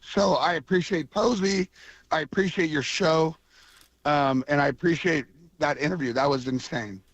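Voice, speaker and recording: A man with a coarse, gravelly voice from allergies, chatting casually and enthusiastically as a caller to a radio show. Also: fairly high pitch, normal speed, fairly bright tone, dry recording. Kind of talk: casual call-in chat. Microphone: phone call to radio show. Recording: band-limited phone line.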